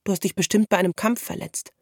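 A woman's voice: medium pitch, fairly even intonation, fast talker, husky, no room sound, voice pushed up. A woman voicing a touchy, easily flustered schoolgirl, recorded dry and close. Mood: sympathetic. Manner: flustered, snappy.

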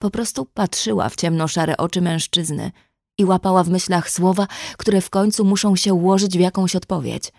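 Low-voiced woman narrating a novel. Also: moderate pace, vocal fry, darkish tone, no room sound, clean studio sound. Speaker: audiobook narrator.

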